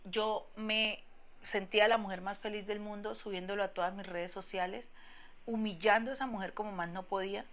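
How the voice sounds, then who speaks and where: Una mujer con acento colombiano que cuenta en primera persona su propia historia, con tono arrepentido y enfático. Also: female voice, mid-range voice, fairly even intonation, normal speed, fairly bright tone. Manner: regretful, emphatic, acts out quoted people. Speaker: woman telling her own story. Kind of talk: confessional first-person testimony.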